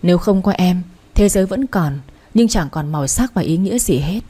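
A woman voicing a gentle, devoted young man speaking softly as he lies wounded in an audiobook story. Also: lowish voice, lively intonation, normal speed, slightly rough. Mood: tender. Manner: gentle, soft-spoken.

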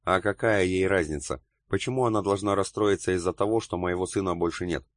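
A man's voice: sits low, fairly quick, no echo, clean studio sound, lightly acted. A man voicing a tall, wild old woman who shrieks and accuses in her grief, read as part of an audiobook. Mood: bitter. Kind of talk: audiobook character reading.

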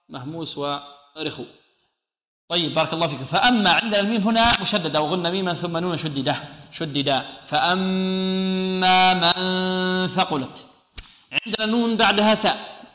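A man teaching a Quran recitation lesson, who patiently sounds out letters slowly and often praises and blesses his students. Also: high-pitched, sharp tone. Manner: patient, demonstrates sounds slowly and repeats them. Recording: echoey hall reverb.

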